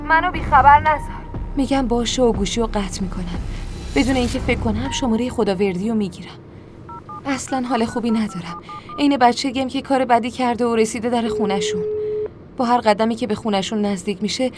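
A woman narrating a dramatic first-person story in an emotional voice. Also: on the high side. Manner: emotional, shifts to screaming anger in dialogue. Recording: music behind.

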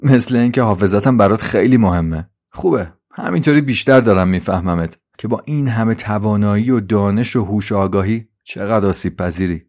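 A man's voice: lowish voice, few pauses, a little mellow, natural voice. Curt young woman shopper, plain voice, a man reading her.

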